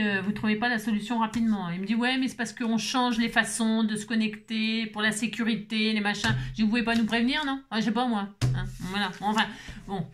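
A middle-aged woman hosts a crafting vlog, chatting away casually. Her voice sits a bit high for a woman, and she tells her stories with lively, animated energy and plenty of fillers. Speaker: crafting channel host.

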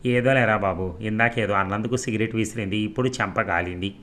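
Brief: sulky young man, read by a male narrator, low and plaintive. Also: steady tone, fast talker, a bit bright, lightly acted. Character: touchy, gloomy young man.

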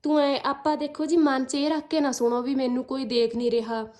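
A woman's voice: sits high, little pitch movement, brisk, a little mellow. A woman giving earnest devotional advice, repeating phrases and coaxing listeners politely. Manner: earnest, repetitive, coaxing with frequent "ji". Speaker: spiritual speaker.

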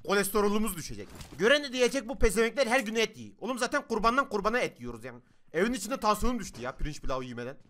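A man's voice: sits high, very animated, racing, fairly bright tone. A man with a Gaziantep Turkish accent hosting a comic gameplay video, joking and telling rambling tall tales in local dialect. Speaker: gaming comedy host.

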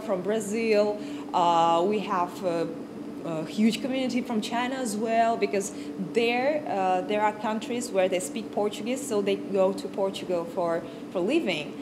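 Standing on a large stage with a piano, a young woman from Kazakhstan speaks informally about music to a class as a guest lecturer. She uses slow English in a mid-range voice, often hunting for words and starting over. The recording comes from a distant camera without a handheld mic, and stage background noise is audible.

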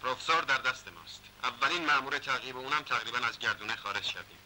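A man's voice: mid-range voice, bright, forceful tone, poor audio. An actor playing a menacing male gang leader who gloats and threatens in a dubbed 1960s film. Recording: hissy old film soundtrack.

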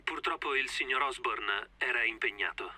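A man's voice: mid-range voice, moderate pace, bright, forceful tone. An actor voicing a courteous male corporate greeter in a game cutscene, speaking in a formal, polite way. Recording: distant from the mic.

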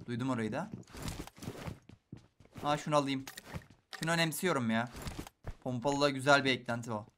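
A young man giving live commentary while playing a shooter game, excitable and talking straight to his viewers, dropping to a hush and then bursting out loud. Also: sits high, a little hiss or hum. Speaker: gaming YouTuber.

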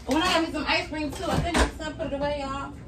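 Racing along in a high, steady-toned voice, a young woman unpacks groceries in her kitchen and chats casually to y'all, her viewers. The vlogger and mom is hot and sweaty, and a camera on the counter records her from a distance in a noisy room.

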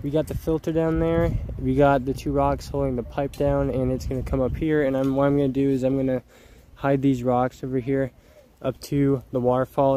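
A man casually talking viewers through his work on a project, outdoors in a backyard, in a relaxed and rambling way. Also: medium pitch, a little hiss or hum. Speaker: vlogger. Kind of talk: casual DIY vlog narration.

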